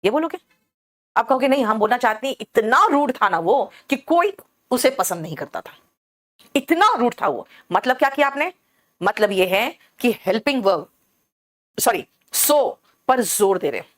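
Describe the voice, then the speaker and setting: A woman teaching English grammar in a classroom, explaining patiently, checking understanding and slowing down to spell out example sentences. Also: a little high. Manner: explains patiently, calls students beta, asks check questions. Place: classroom with air conditioner running.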